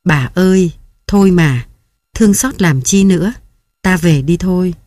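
A woman doing a gentle old woman, softly consoling. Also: fairly low pitch, unhurried, no room sound. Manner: soft, coaxing.

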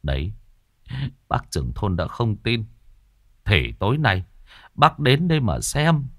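A man's voice: lowish voice, sing-song, measured pace, no room sound, clean studio sound. A man voicing a frightened older village man who speaks humbly, pleading and stammering. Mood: weary resignation.

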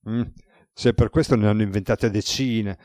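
A man's voice: lowish voice, moderate pace, no room sound, studio quality, lightly acted. A man voicing a wry, weary god. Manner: relaxed, teasing, wry. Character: weary ironic male god, playful.

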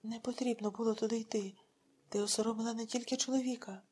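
A woman voicing a frightened, gentle young village woman who speaks earnestly and pleads. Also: on the high side, steady tone, fast talker, husky. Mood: earnest pleading.

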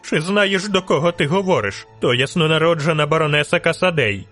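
Brief: man doing stout noble matron, shrill and indignant, pitched up, with faint music behind. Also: expressive, normal speed, a bit bright. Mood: outraged. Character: frightened stout older noblewoman chaperone.

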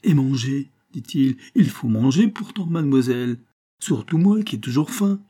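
A man's voice: medium pitch, lively intonation, moderate pace, mellow, pitched above the performer's own voice, natural voice. A man reading an audiobook, voicing a plaintive, hungry young student in despair. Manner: plaintive, dismayed.

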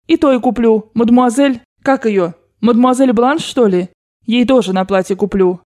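A woman's voice: on the high side, normal speed, dark tone, natural voice. A woman voicing an imperious rich old grandmother who gives orders in a brusque, commanding way in an audiobook. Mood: bossy. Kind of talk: audiobook character voice.

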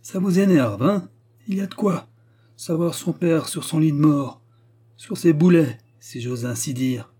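A man doing a rough, sneering steward. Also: on the high side, lively intonation, a little slow, dark tone, pitched above the performer's own voice. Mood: mocking. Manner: brusque, sneering, menacing. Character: rough, mocking male estate steward.

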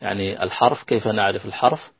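A man teaching a lesson on Arabic grammar, slow and patient, repeating key phrases and working through examples. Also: lowish voice, fairly even intonation, vocal fry, breathy edge, dry recording, lo-fi sound. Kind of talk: recorded classroom lesson.

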